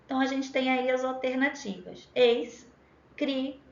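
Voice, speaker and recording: Rio-accented woman teacher, fairly high voice, drawing out syllables in an echoey lo-fi room. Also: a bit bright. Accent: Rio de Janeiro Portuguese. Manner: spells out words sound by sound, drawn-out syllables. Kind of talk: exam-prep lesson.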